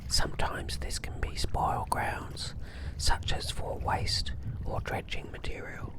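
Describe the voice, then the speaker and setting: A man narrating in a whispered ASMR style, hushed and deliberate, with a deadpan manner. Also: low-quality recording. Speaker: host narrating a sailing trip. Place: on a sailing boat, outdoors.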